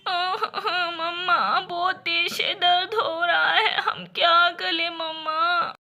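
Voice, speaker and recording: A woman's voice: sits high, level tone, measured pace, pushed and bright, exaggerated voice. Woman playing a weepy pleading little girl. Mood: crying. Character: little girl, whiny sister with stomachache. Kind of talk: doll storybook acting.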